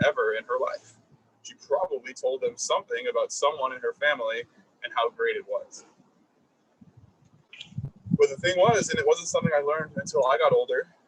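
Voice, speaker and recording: A man giving a reflective, halting eulogy at a graveside service. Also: medium pitch, fairly bright tone, recorded from a distance, slight background noise, low-quality recording. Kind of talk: eulogy speech. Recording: husky voice picked up from afar.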